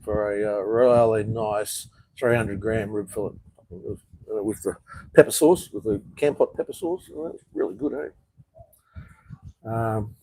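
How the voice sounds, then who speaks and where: A man's voice: on the low side, unhurried, dark tone, poor audio. An Australian man hosting a casual live chat, reading viewer comments and answering bluntly, swearing often and calling people "mate".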